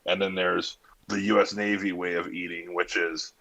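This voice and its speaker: Deep bright-toned wry man. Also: little pitch movement, moderate pace, vocal fry, poor audio. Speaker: participant. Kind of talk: casual voice-chat discussion.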